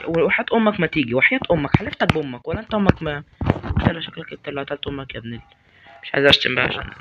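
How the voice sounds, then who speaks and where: Excitable young Egyptian gamer man. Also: fairly high pitch, rapid-fire, highs cut off, heavy background noise. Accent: Egyptian Arabic. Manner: excitable, talks to game characters and swears at them. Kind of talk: horror game commentary.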